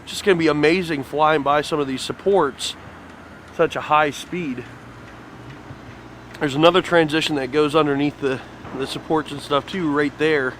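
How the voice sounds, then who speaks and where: A man's voice: fairly high pitch, moderate pace, long pauses, a bit bright, slight background noise. Enthusiastic man on an outdoor site tour. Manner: enthusiastic, rambling with fillers. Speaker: fan site video host. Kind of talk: casual walking site tour.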